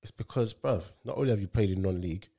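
Low-voiced London roadman interviewer. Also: quick pace, vocal fry, dark tone. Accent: London roadman, south London street slang. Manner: slangy, says "fam", "bruv" and "bro". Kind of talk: casual chat.

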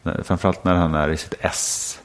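A man's voice: sits low, flat delivery. A man, a comedian being interviewed, rambling and self-deprecating with frequent laughs. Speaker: comedian guest. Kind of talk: casual podcast interview.

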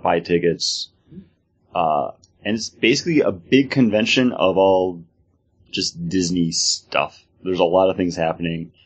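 Low, husky American man explaining enthusiastically. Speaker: podcast co-host. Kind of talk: casual informative chat.

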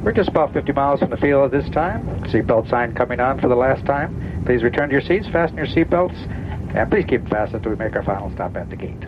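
A man, the airline captain, making a routine in-flight announcement over the plane's cabin loudspeaker. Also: animated, fast. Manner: routine, matter-of-fact announcing with a brief filler. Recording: muffled cabin PA with loud engine rumble.

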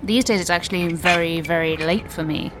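A crude, sarcastic thirty-something drinker, acted by a woman. She speaks bluntly in a rather low voice, mocking everyone around her, with a faint hiss behind her lines. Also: brisk, lightly acted. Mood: scornful. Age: 30s. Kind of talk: audio drama acting.

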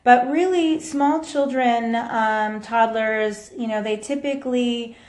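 A woman's voice: on the high side, slow, a little mellow. A woman hosting a casual live video as a mom coach, chatting with viewers and reacting to their comments, recorded in an echoey room. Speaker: podcast host and mom coach.

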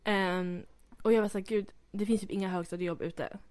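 A young woman chatting casually as a podcast co-host, telling stories in a lively, slangy way. She laughs a lot and slips into little acted-out voices for other people. Her voice sounds close and dry, with no room echo. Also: medium pitch. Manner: lively storyteller, slangy, laughs often, acts out quotes. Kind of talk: casual chat.

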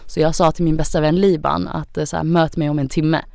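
A woman's voice: deep voice, level tone, creaky, darkish tone, no room sound, clean studio sound. A young woman, a podcast guest, tells a personal story in casual chatty talk, full of fillers. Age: young adult. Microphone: studio microphone.

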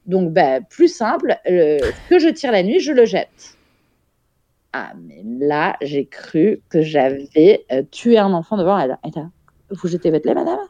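A woman's voice: fairly low pitch, big pitch swings, unhurried, dark tone, no echo, lo-fi sound. A young woman, a mother, telling a story frankly and vividly in a casual interview, swearing now and then. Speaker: guest, mother.

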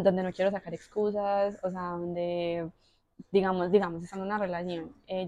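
A young woman with a Colombian accent, a podcast guest telling personal stories in a casual, animated way, full of fillers and quoted inner thoughts. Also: fairly low pitch, no echo. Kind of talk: casual conversational storytelling.

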